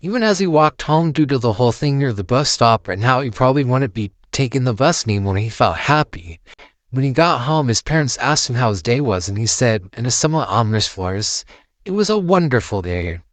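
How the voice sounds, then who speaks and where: A man's voice: mid-range voice, animated, a little fast, no room sound. A man narrating a horror story, reading it aloud as a storyteller.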